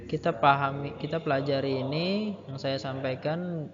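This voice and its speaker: A man teaching a lesson, explaining step by step with patient repetition and a habit of ending phrases with a soft "ya". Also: mid-range voice, fairly even intonation, normal speed. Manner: explains patiently, repeats key points, ends phrases with "ya". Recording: muffled, roomy with long reverb and crowd behind.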